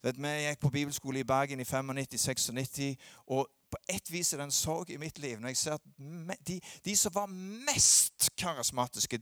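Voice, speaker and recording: Emphatic pastor preaching. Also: male voice, dry recording, studio quality. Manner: swings between loud emphatic peaks and low quiet asides. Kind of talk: sermon.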